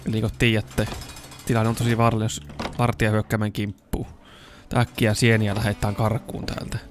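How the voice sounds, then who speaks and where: A young man with a Finnish accent giving casual let's-play commentary, swearing and yelling whenever the game turns dangerous. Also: fairly low pitch, music in the background. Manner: excitable, swears and yells when in danger. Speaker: gaming YouTuber.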